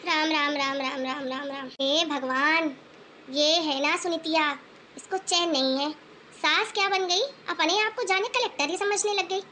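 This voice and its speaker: A woman voicing a stern, wise old grandmother-in-law who scolds and lectures firmly in an animated moral story. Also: high voice, a little slow, a little hiss or hum. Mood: grumbling. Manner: scolding, preachy and firm.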